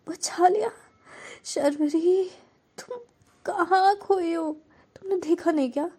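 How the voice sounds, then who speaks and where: Woman doing a crying, guarded young woman breaking down: high, tight, tearful, mellow tone. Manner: high, strained, tearful outbursts.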